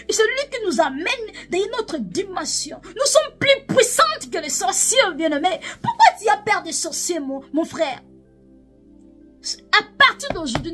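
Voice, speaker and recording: A prophetess from DR Congo gives an emotional spoken testimony of a vision, her voice pitched very high. She repeats her phrases over and over and lifts into chanting. Faint music plays behind her. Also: fairly bright tone. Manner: repetitive, emotional, switching into chanting.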